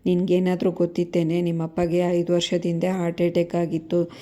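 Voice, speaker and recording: A woman voicing a reproachful mother, scolding, very monotone, dark tone. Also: lowish voice, brisk, natural voice. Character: angry mother scolding her grown daughter.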